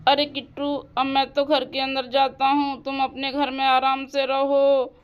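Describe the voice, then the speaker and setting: A woman voicing a calm, indulgent father in a doll-house cartoon story, speaking in a reassuring way. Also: high voice, a little slow, highs cut off. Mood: soothing. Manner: soothing, reassuring.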